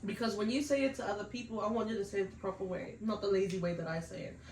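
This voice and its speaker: A young New Zealand woman with a New Zealand accent co-hosts a couple's food channel, teasing her partner in casual banter and laughing often. She talks very fast in a mid-range voice, and the very noisy recording comes from a distant mic in an echoey room.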